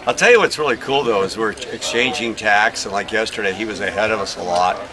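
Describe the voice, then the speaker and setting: A man's voice: fairly low pitch, brisk, a crowd in the background. A middle-aged man and sailing father chatting in a casual outdoor interview, telling stories with plenty of fillers. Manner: chatty storytelling with many fillers. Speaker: sailor and father of a young racer. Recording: noisy outdoor recording.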